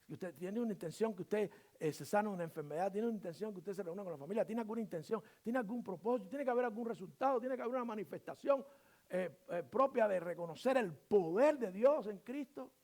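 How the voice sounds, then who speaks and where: A man preaches a sermon as pastor, his voice pitched high and swooping widely. He drives his points with strings of rhetorical questions and shifts from loud, emphatic lines to quiet, low asides. Now and then he slips into brief voices of church members. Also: fast talker. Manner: animated preaching, rhetorical questions, dramatic swings in volume.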